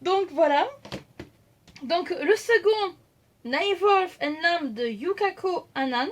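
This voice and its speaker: Une jeune femme vloggeuse qui bavarde avec beaucoup d'hésitations et d'autocorrections, filmée au téléphone. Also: female voice, very high-pitched, animated, takes it slowly. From France. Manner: chatty, hesitant, many fillers and self-corrections. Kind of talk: casual chat. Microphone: phone camera.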